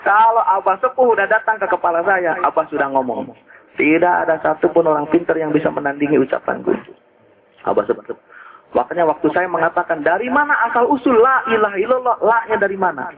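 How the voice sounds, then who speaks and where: A man's voice: fairly high pitch, brisk, vocal fry. A man preaching in a casual, storytelling way, joking and asking his listeners rhetorical questions. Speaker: Islamic preacher. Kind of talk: casual religious teaching talk. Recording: tinny lo-fi phone-like recording.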